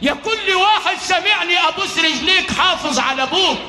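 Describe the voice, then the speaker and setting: A man preaching a sermon with an Egyptian accent, shouting with passion and chanting verses in a long sung voice. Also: extremely high pitch, animated, fairly quick. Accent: Egyptian Arabic. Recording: echoey hall, faint music behind.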